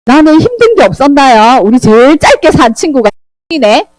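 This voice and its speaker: A woman teaching a children's Sunday school Bible lesson, animated and asking the children questions. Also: sits high, brisk, dry recording, low-quality recording. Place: church classroom.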